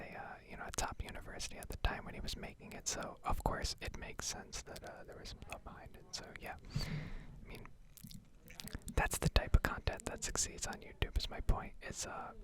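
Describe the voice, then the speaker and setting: Breathy and a bit creaky, the whispered voice belongs to a woman creating gaming ASMR. She wanders through improvised commentary on the game, taking her time and pausing hesitantly.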